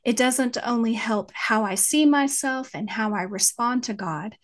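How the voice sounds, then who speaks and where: A woman with a West Texas twang, speaking as an interview guest in a thoughtful, halting way as she searches for words. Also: a little high. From West Texas, United States. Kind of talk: reflective interview conversation about faith.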